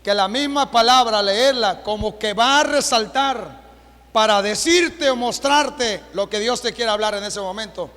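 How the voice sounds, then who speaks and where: High-voiced Mexican pastor preaching in a reverberant hall. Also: male voice, measured pace. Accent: Mexican Spanish. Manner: rhetorical questions, rising to shouts. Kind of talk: sermon.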